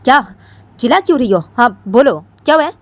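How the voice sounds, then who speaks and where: A woman voicing a young woman lover who hushes and explains at length in a soothing way. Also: high voice, animated, quick pace, pitched above the performer's own voice. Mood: calming.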